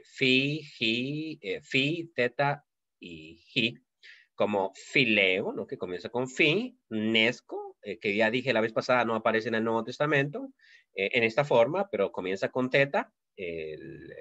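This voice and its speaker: A man teaching a Greek grammar class, explaining slowly with many fillers and checks for understanding. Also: medium pitch, a bit bright, dry recording, dull audio. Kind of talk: recorded class lecture.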